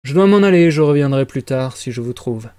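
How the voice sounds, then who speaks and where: A man reading aloud and voicing a composed young doctor who speaks in a measured, half-muttered way. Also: mid-range voice, animated, mellow, smooth, no room sound, studio quality, lightly acted. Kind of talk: audiobook reading.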